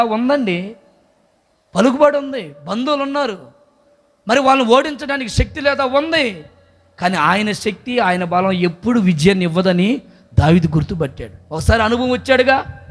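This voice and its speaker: A man preaching a sermon as pastor at a church service, swinging between loud exhortation and soft pleading. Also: high voice.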